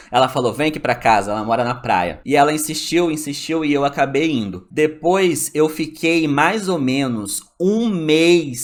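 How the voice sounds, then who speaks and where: Young male vlogger, slightly high voice, candid storyteller, soft music bed. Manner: emotional, candid, acts out both sides of conversations. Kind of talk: personal storytelling vlog.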